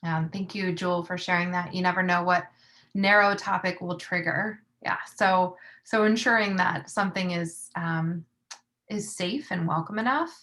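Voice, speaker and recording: A woman's voice: lowish voice, normal speed, fairly bright tone. A woman sharing thoughts in a group discussion over a video call, thoughtful and full of fillers. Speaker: workshop participant.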